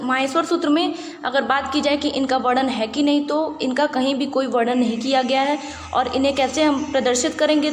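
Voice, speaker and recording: A high-pitched woman gives an online lesson, patient and methodical, often asking questions and answering them herself. The room is roomy and echoey with a long reverb tail, and a faint hiss sits under her voice. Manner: patient, repeats "ठीक है" and asks rhetorical questions. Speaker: Sanskrit teacher. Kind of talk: online lecture explaining grammar.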